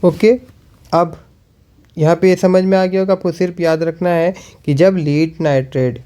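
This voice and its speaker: A male teacher giving a chemistry lesson, repeating questions and answering them, and slowing down while he writes. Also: fairly high pitch, fairly even intonation, mellow, clean tone.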